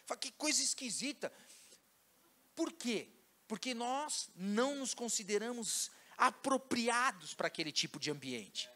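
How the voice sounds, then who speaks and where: High, bright-voiced São pastor. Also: male voice, measured pace. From Brazil. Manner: animated storytelling, slangy and casual, acting out scenes. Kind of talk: sermon. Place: church.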